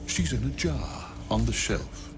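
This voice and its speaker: In a video game cutscene, an actor with a medium-pitched, animated voice portrays a cold, arrogant male necromancer, and there is background noise. His gloating lines come out slow and deliberate, dripping with haughty contempt.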